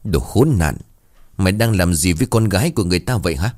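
A man's voice: low-pitched, lively intonation, quick pace, darkish tone. A man voicing a hot-blooded, protective young village man in a storybook tale. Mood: furious.

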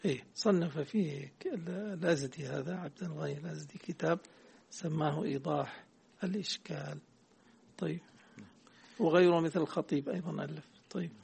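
Sheikh teaching class, gravelly husky voice, stops to quiz the student. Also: male voice, fairly high pitch, brisk, a little mellow. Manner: quizzes the student, corrects readings, explains patiently. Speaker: teacher of hadith sciences. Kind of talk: classroom text commentary.

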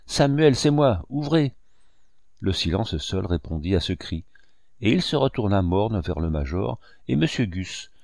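Man reading an old novel aloud, low steady voice, dead dry sound. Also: moderate pace, vocal fry, dry recording. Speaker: audiobook narrator. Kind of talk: scripted narration.

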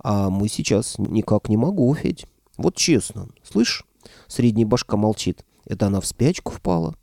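A man voicing the squeaky, carefree left head of a lazy dragon in an audiobook. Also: big pitch swings, normal speed, creaky, mellow, dry recording, clean studio sound. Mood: gushing. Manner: gushing, carefree. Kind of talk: audiobook character voice.

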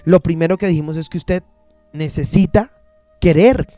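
A man's voice: a little high, moderate pace, mellow, dry recording, faint music behind. A man preaching a sermon as pastor, emphatic and repeating his phrases, acting out the people he quotes.

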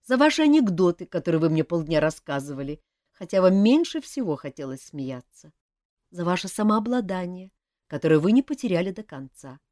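A woman's voice: on the low side, big pitch swings, a little fast, a little mellow, dry recording, studio quality, voice pushed up. A woman voicing a frank, earnest young woman.

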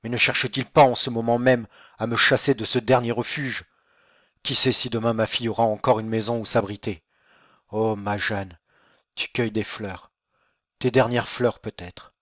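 Rôle : un homme jouant un vieux noble déchu, père accablé, déclamatoire ; prise sèche, un peu étouffée. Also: male voice, medium pitch, flat delivery, normal speed, a bit bright, no echo, lo-fi sound, pitched below the performer's own voice, close to an everyday voice. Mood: bitter. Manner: declamatory, grieving. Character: old ruined nobleman, proud, despairing father. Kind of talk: audiobook reading.

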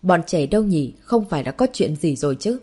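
A woman reading the lines of a caring young wife and mother in an audiobook, speaking softly with a worried edge. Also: on the low side, animated, fairly quick, slightly rough.

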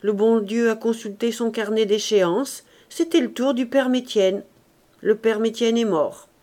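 A lean, funereal gravedigger speaks like a self-satisfied orator, every sentence a pronouncement. The delivery is slow and deliberate, in a storybook reading voiced by a woman narrator. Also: fairly high pitch, steady tone, mellow, close to an everyday voice. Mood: pompous. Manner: pompous, authoritative, sententious. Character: gaunt pompous male gravedigger, grave and lofty.

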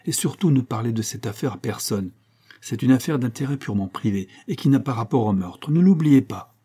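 A man reading an audiobook, voicing a grave middle-aged coroner who speaks slowly, solemnly and formally. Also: medium pitch, lively intonation, dark tone, husky. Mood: stern.

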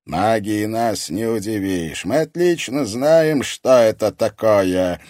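A man's voice: lowish voice, expressive, slow, dry recording, clean studio sound, voice pushed up. A man reading an audiobook, voicing a harsh male interrogator who demands answers and threatens. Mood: menacing. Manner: shouting, insistent.

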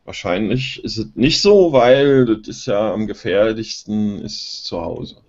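Sardonic low-voiced guy cohosting, dismissive, muffled lo-fi sound. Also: lively intonation, unhurried, darkish tone. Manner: dismissive, sardonic, seeks agreement. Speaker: podcast co-host. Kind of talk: casual talk show chat. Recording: dull lo-fi sound.

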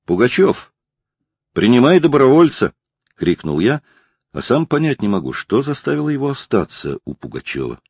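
Low, husky male storyteller. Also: big pitch swings, brisk, darkish tone, dry recording. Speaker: audiobook narrator. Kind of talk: first-person memoir reading.

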